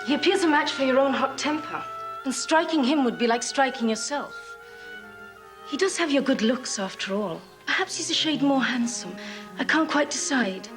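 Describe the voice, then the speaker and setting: A woman's voice: sits high, expressive, moderate pace. An actress playing a sly aristocratic lady who teases with arch mockery. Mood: mocking. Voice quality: mocking, arch. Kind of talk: period film acting. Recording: film soundtrack with music.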